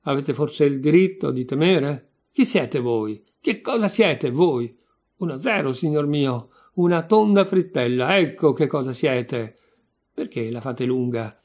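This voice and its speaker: A man voicing an irate male lodger who shouts mocking questions. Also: fairly high pitch, lively intonation, unhurried. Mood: scornful shouting.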